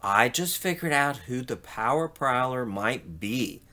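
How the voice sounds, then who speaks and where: A man voicing Minnie Mouse, bright and excitable. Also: medium pitch, measured pace. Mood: curious, thoughtful. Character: cheerful, earnest, excitable female cartoon mouse detective. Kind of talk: children's storybook read-aloud.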